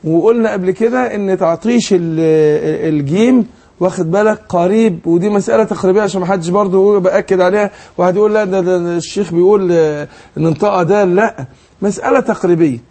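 Egyptian sheikh teaching Quran recitation. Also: male voice, sits high, mellow. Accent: Egyptian Arabic. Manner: explains patiently, asks leading questions, demonstrates slow recitation. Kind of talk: tajweed lesson.

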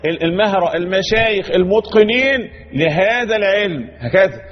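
A high-pitched Egyptian man teaches Quran recitation, pressing his points with emphatic repetition and calling on students to pay attention. His voice rings with a long hall reverb. The sound is dull and lo-fi. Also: lively intonation, normal speed. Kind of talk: teaching a class.

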